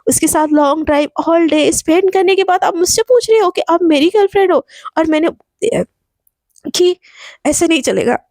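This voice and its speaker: A woman voicing a young woman in a love story, hurt and defiant, answering back in quick indignant retorts. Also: extremely high pitch, a little mellow, no echo, studio quality.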